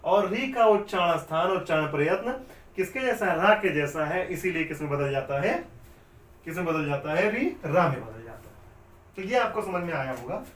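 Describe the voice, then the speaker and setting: A man with a high voice teaching grammar step by step. He keeps asking questions and then answering them himself. The sound is roomy and picked up from some distance off the mic. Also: lively intonation, moderate pace, a bit bright. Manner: repetitive, explains step by step. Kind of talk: classroom lecture at a board. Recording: echoey room, mic at a distance.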